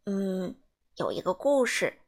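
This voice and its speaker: A woman voicing a kind, wise old grandmother in a storybook reading, with a lower, gentle and patient voice. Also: sing-song, takes it slowly. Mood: playful.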